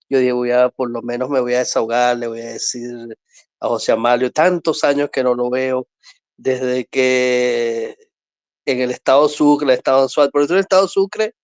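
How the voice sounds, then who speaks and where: A man calling in, talking in a warm, rambling way and laughing often. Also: mid-range voice, smooth, dry recording. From Venezuela. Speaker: caller. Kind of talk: casual chat.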